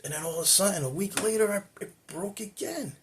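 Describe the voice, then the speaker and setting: A man's voice: high-pitched, fairly quick, noisy background. A man hosting his own cultural video channel, telling a personal story in a casual, rambling way, with many repeats and restarts, recorded indoors facing the camera.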